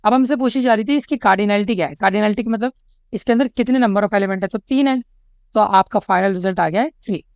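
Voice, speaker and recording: A woman's voice: medium pitch, a little mellow, clean tone, no echo, clean studio sound. A woman with an Indian accent, tutoring exam questions step by step and checking in after nearly every point. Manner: says "theek hai" and "chalo" after nearly every step; reads English question lines slowly and deliberately.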